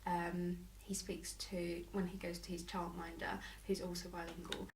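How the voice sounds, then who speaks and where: A Polish mother or father, here a woman, answers an interviewer casually, with many hesitations and restarts. Her voice is fairly low and level at normal speed, recorded from a distance in an echoey room with faint noise.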